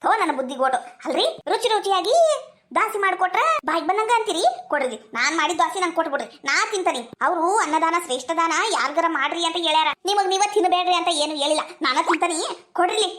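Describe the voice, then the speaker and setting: A woman's voice: very high-pitched, fast talker, bright, forceful tone. A woman with a North Karnataka accent playing a cheeky, quarrelsome village wife in a comedy sketch. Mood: indignant. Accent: North Karnataka Kannada. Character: sharp-tongued village wife.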